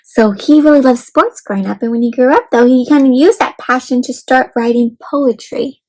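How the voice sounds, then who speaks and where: A woman with a high-pitched voice hosts an interactive read-aloud for young children at normal speed. She is expressive, asks the kids questions, and explains things simply.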